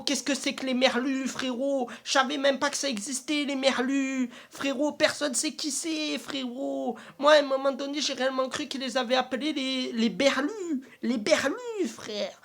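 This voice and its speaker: A woman's voice: high-pitched, a bit bright. A woman doing a comic, exasperated football rant, piling up repetitive slangy insults. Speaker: football fan vlogger. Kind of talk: comic angry match rant.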